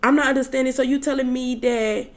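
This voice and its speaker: A woman's voice: high-pitched, fairly even intonation, fast talker, voice pushed up, close to an everyday voice. A woman quoting an anxious, whiny date. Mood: complaining. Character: anxious, complaining young man on a date.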